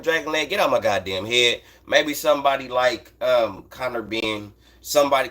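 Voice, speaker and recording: American guy doing an off the cuff sports stream, blunt, cussing, slangy, mid pitched voice, repeats himself for emphasis. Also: a bit bright. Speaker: host of a boxing talk livestream. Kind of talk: casual unscripted sports commentary, answering chat.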